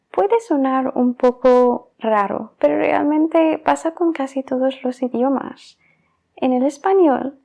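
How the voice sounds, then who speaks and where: Slow, gravelly-voiced woman teaching pronunciation. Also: high voice, dark tone. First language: English. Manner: patient, explains then repeats example words slowly. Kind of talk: podcast pronunciation lesson.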